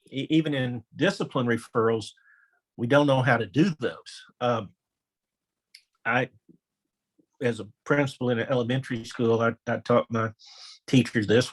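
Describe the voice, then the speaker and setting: Husky middle-aged man giving a training webinar. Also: poor audio. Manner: anecdotal, acts out quoted voices with raised pitch. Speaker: webinar presenter, former elementary principal.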